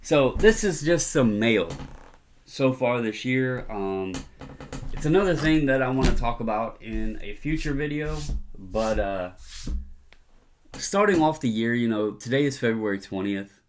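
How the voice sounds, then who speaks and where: A man's voice: mid-range voice, animated, a little slow, a little hiss or hum. A middle-aged man hosting a hobby video, talking in a casual, opinionated monologue with an earnest, emphatic, colloquial manner.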